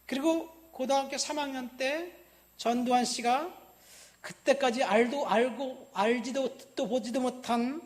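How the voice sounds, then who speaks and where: A woman in her fifties from Busan, a pastor preaching a sermon, stressing words loudly and then dropping to quiet asides while asking the congregation questions. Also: high voice, unhurried. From Busan, South Korea. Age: 50s. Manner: addresses the congregation directly with questions.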